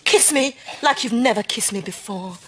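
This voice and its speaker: A playful, dramatic young wife. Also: female voice, fairly high pitch, animated, normal speed. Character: playful, romantic young wife teasing her brother. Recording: loud studio audience and noise.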